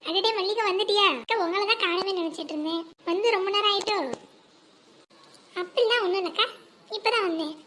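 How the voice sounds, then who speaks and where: A woman's voice: very high-pitched, brisk, pauses often, a bit bright. A woman voicing chatty, crafty village housewives in a cartoon, exclamatory and colloquial, with a rural Tamil Nadu accent. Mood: friendly. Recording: faint background noise and ambience.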